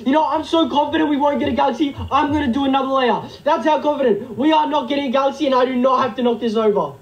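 A man's voice: very high-pitched, fast, highs cut off. A young man doing a comedic livestream skit, frantic and pleading, repeating himself over and over. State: nervous, shaky hands.

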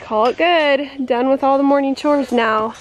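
High-voiced chatty mom on a farm vlog. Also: female voice, unhurried, dull audio, a little hiss or hum. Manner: chatty, playful, laughs often. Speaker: vlogger, mother. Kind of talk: casual family vlog chat. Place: farm home, in and out of doors.

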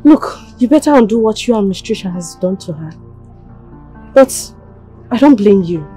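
A woman's voice: mid-range voice, animated, moderate pace, dark tone, faint music behind, close to an everyday voice. An actress with a Nigerian accent playing a schoolgirl who taunts and threatens a rival in a mocking way. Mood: taunting.

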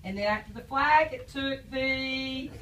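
A woman teacher with a high, fairly bright, unhurried voice praises and quizzes young children following a read-aloud. This adult preschool teacher is recorded from far away in an echoey classroom.

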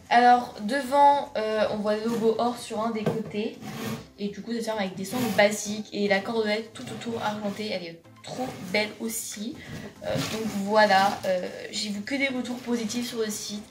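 A teenage girl talks in a chatty, gushing way, full of fillers and restarts, as she shows off her things in a casual vlog. Her voice sits at a middle pitch. It is picked up by a camera across her bedroom, so it sounds roomy and a bit distant. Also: fairly even intonation, a little fast. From France. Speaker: vlogger. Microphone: camera across the room.

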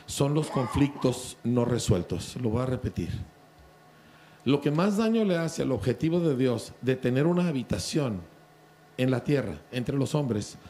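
A man's voice: mid-range voice, a little mellow, slight background noise. A Mexican man in his sixties preaching a sermon at a pastors' conference, speaking conversationally and often asking listeners whether they follow. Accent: Mexican Spanish. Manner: conversational preaching, asks the crowd for agreement. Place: church conference stage.

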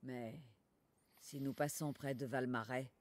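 A woman's voice: very deep voice, steady tone, unhurried. A woman voicing a stern, commanding queen in a game, speaking firmly and decisively. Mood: resolute. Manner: firm, decisive.

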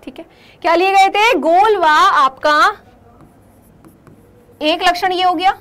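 A young woman with a very high voice teaches a class. She asks her students questions, answers them herself, and keeps repeating the key terms. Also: takes it slowly, fairly bright tone.

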